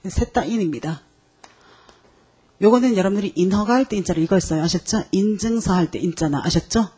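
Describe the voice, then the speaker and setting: A woman speaks fairly quickly in a husky, mid-range voice while teaching Chinese characters for exam preparation. She keeps the lecture lively with frequent quizzing and constant check-ins with her students.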